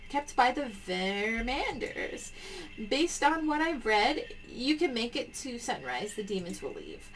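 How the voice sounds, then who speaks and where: Woman acting a frantic, high-voiced female caller. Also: a bit bright, a little hiss or hum, poor audio. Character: frantic female phone caller warning of danger.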